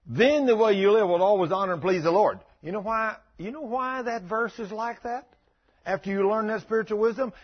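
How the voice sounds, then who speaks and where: A man's voice: sits high, husky, dull audio. A man preaching a folksy sermon, telling stories and bantering with his congregation.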